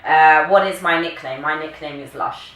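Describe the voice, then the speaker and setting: Speaking at a normal speed with a low, slightly bright voice, a woman in her early 30s chats casually and playfully to camera as a vlogger. She comes from Kenya and later the UK. The room echoes, the mic sits far away, and there is faint noise.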